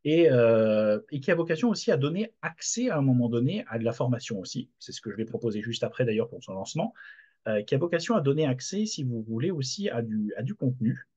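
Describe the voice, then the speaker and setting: A man's voice: mid-range voice, expressive, fast talker, mellow, slightly rough. A middle-aged man, a lecturer, introducing his new channel in casual talk, hesitant with many fillers and restarts, recorded over a video call. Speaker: university lecturer launching a channel. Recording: dull lo-fi video call audio.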